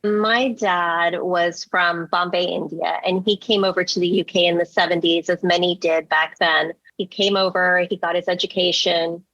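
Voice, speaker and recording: A woman's voice: fairly low pitch, flat delivery, normal speed, hardly any pauses, a bit bright, dry recording, highs cut off, soft background music. A woman in her forties from England, a marketing executive who talks through her past candidly and reflectively as an interview guest.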